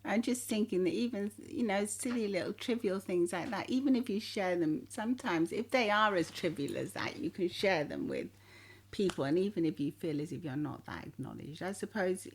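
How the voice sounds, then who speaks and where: A woman co-hosting a relaxed podcast chat. She talks in a steady middle pitch and rambles warmly through stories. She laughs often and acts out little quoted lines. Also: moderate pace, husky. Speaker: podcast co-host. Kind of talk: casual chat.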